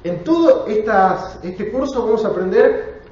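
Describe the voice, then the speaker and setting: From Argentina and speaking with a Rioplatense Spanish accent, a man opens with a prayer and then teaches a Bible class in a church hall, earnestly posing questions to the class. His voice is high-pitched and a little mellow, somewhat slow, with lively intonation. Recorded from a distance, the audio sounds very echoey and dull.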